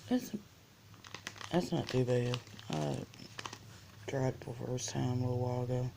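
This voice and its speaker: Casual snack reviewer, heavy vocal fry, slow halting delivery, noisy recording with crinkling and clicks. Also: mid-range voice, steady tone. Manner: halting, reads item by item with pauses.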